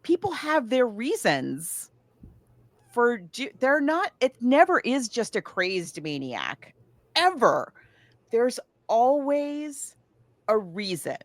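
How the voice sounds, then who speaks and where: Slow and somewhat high-pitched, this woman co-hosts a podcast with no room sound audible. She chats casually about books and films, rambling in an animated storytelling style and performing quotes along the way.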